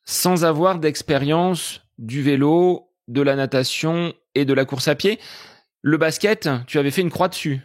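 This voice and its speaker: A man's voice: fairly high pitch, unhurried, no echo, clean studio sound. A man hosting a running podcast, asking formal, structured questions. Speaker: podcast host. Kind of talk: podcast interview.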